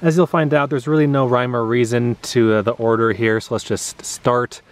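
A man in his thirties speaks in an ordinary mid-range voice, laid-back and conversational. He walks through his gear with plenty of "uh" fillers, sounding unhurried. He is recorded outdoors in an open grassy spot near trees. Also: medium pitch. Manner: relaxed, chatty, lots of uh fillers. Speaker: vlogger. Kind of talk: casual show-and-tell.

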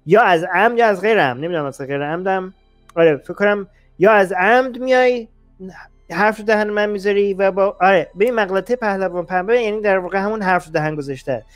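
A man's voice: sits high, no echo, faint music behind. A male host explaining ideas in a casual, hesitant way, often restarting and checking in with the listener. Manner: hesitant, frequent restarts and "okay?" check-ins. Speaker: host of a talk show. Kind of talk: casual explanatory talk on logical fallacies.

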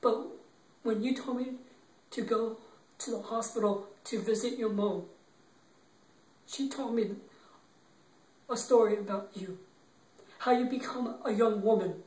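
An actor playing a young man who gently consoles his grieving girlfriend, speaking in a halting, tearful, repetitive way. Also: sits high, fairly even intonation. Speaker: actor in an improv demo reel. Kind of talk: improvised dramatic monologue. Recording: roomy, distant from the mic.

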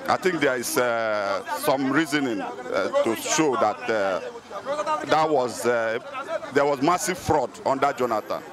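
A middle-aged man interviewed on a busy street, speaking in a measured way with frequent pauses into a handheld mic. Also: mid-range voice, expressive. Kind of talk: street vox pop opinion. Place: busy city street outdoors. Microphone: handheld mic held by interviewer. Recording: loud street crowd behind. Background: loud crowd.

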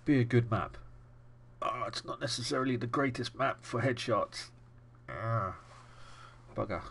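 A man's voice: medium pitch, a little slow, gravelly, fairly bright tone, a little hiss or hum. A man commenting live on his gameplay, joking with family and muttering through menus. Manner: chatty and joking, muttering to himself over menus. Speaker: gaming streamer and father.

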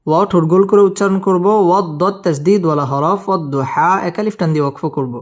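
A man teaching a tajweed spelling lesson, spelling each letter and vowel aloud before reciting the verse in long, drawn-out melodic phrases, with quick, matter-of-fact pronunciation rules in between. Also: sits high. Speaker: Quran teacher.

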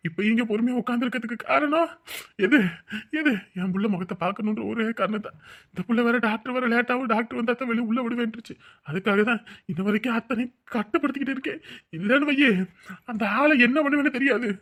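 A man plays a middle-aged father in a TV drama, torn between tearful pleading and fierce threats. His voice sits high for a man. He speaks with raw, heavy emotion. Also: quick pace, fairly bright tone, full character voice. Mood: vengeful. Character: anguished middle-aged father, grieving then vengeful. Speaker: grieving father. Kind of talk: Tamil TV drama acting.

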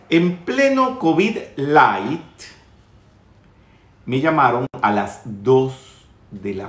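A man's voice: medium pitch, roomy sound. A man teaching a spiritual lecture in a trained, projected voice, scolding and teasing his listeners with humorous asides. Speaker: metaphysics teacher.

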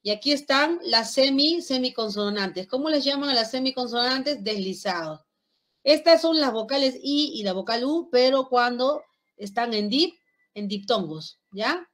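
A woman's voice: sits high, lively intonation, unhurried, fairly bright tone. A woman from Lima with a Peruvian accent, teaching a class and demonstrating speech sounds aloud, checking in with her students often. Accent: Peruvian Spanish (Lima). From Lima, Peru. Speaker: lecturer. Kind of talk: online class lecture.

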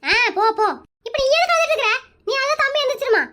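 A squeaky, bright, bossy cartoon aunt. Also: expressive, full character voice. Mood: scolding. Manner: scolding, bossy, rapid-fire nagging. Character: bossy meddling middle-aged aunt, loud and scolding. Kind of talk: cartoon comedy voice acting.

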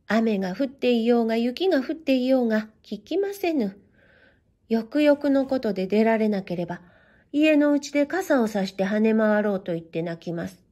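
A woman reading a children's story aloud in gentle, measured, old-fashioned storybook narration. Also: on the high side.

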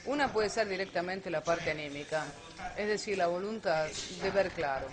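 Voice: medium pitch, normal speed. Explaining speaker over crowd noise. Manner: explanatory, rhetorical questions. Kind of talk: lecture on alien abduction.

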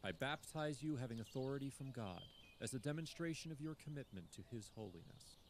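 A man's voice: medium pitch, lively intonation, brisk, close to an everyday voice. A man playing a devout, humble biblical prophet in a video game, speaking formal, reverent, old-fashioned scriptural English. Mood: solemn, reverent. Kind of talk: solemn scripted game dialogue in archaic biblical speech.

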